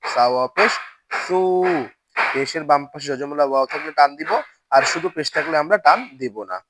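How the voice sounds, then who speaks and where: A man's voice: a little high, steady tone, quick pace, background noise. A man teaching an online Quran reading lesson, steadily drilling letter sounds and explaining the rules patiently.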